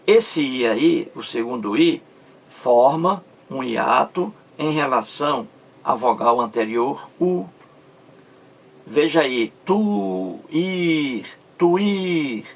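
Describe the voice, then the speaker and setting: The grammar teacher here is a man whose mid-range voice is expressive, creaky, fairly bright and slightly rough. In this explanatory video lesson he goes slowly, stretching out every syllable, and regularly checks whether his audience understood.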